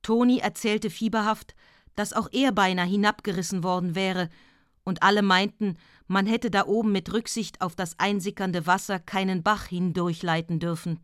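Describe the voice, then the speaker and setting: A woman reading a classic novella aloud in a measured, even storytelling voice. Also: medium pitch, dry recording, studio quality. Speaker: audiobook narrator. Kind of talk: scripted literary narration.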